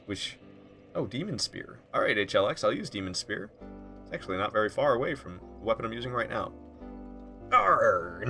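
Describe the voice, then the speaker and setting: Male streamer, bright forceful voice, rambling live gameplay commentary, faint music underneath. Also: mid-range voice. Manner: chatty, rambling, laughs often, talks to chat. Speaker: streamer playing a game.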